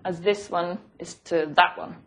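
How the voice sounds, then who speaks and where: In a noisy lecture recording with clicks, a woman explains physics in an unhurried way. Her fairly low voice keeps a steady tone, and she hesitates and repeats phrases in a thoughtful, professorial style.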